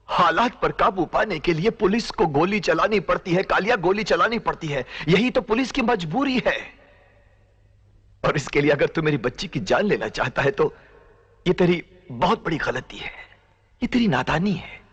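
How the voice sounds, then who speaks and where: An actor playing a stern police officer who lectures and pleads earnestly in a film melodrama. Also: male voice, on the high side, a bit bright, breathy edge, lo-fi sound.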